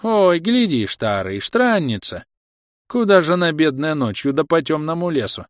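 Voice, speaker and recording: A man voicing a fussy, fretful old village grandmother who wails in a shrill, folksy way. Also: sing-song, moderate pace, no echo, studio quality. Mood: fussing.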